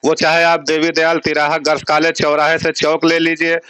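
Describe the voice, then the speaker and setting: Man, local official's rep, flat insistent delivery, dry close sound, lists achievements at length. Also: a little high, fairly quick, clean tone, no room sound. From Uttar Pradesh, India. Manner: insistent, lists places and works in long runs. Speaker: municipal chairman's representative. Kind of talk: press interview answers.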